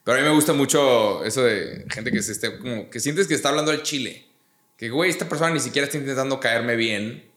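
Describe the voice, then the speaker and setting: A man's voice: medium pitch, fast talker, fairly bright tone. Blunt man in echoey room. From Monterrey, Mexico. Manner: blunt, slangy and profane. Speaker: guest. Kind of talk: casual podcast chat. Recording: roomy echo.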